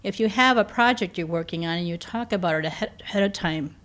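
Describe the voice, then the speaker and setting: A woman's voice: on the low side, fast, fairly bright tone. Woman coughing, voice giving out. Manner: conversational, with frequent "um" and self-corrections. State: slightly losing her voice, occasional coughs. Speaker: campus career development speaker. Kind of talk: informal talk to a campus audience. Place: campus meeting room.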